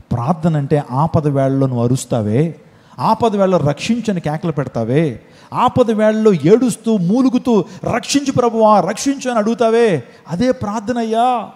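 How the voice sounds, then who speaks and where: Male pastor, high mellow voice, sermon delivery full of rhetorical questions, echoing church hall. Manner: preaching with rhetorical questions, acting out cries.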